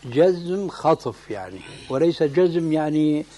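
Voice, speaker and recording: A religious scholar teaches with firm, emphatic corrections. His voice sits somewhat high for a man yet sounds warm and mellow. He often tosses out a question and answers it himself. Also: lively intonation, measured pace.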